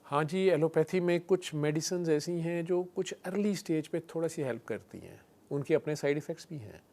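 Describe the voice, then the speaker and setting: Doctor guy, gravelly voice, chatty storytelling, keeps saying theek hai. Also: fairly high pitch, a little fast, dark tone. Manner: storytelling, frequent "theek hai" check-ins, mixes in English terms. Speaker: doctor guest. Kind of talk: explanatory conversational interview.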